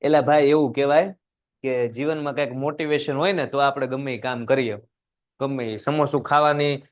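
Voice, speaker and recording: A young man, teaching a poem in a live online class. He switches between loud emphasis and low asides and talks to viewers in the chat. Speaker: English teacher.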